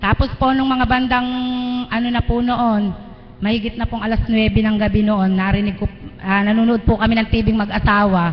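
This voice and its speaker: A woman's voice: fairly high pitch, flat delivery, a little fast. A middle-aged woman giving a live spoken testimony before a church gathering, earnest and deferential as she retells events step by step. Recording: dull lo-fi livestream audio in a reverberant hall, faint noise.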